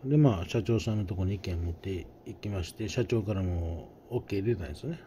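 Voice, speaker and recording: Man, middle-aged, Kansai accent, casual storytelling, folksy, low pitch, dark mellow tone. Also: fast talker, a little hiss or hum. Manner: chatty, folksy, acts out the voices. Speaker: storyteller host. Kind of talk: casual anecdote telling.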